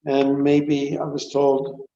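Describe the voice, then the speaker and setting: A man giving an extempore scripture lecture as a religious class teacher, with halting, deliberate phrasing. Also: mid-range voice, monotone, warm tone. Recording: dull, echoey online call, faint noise.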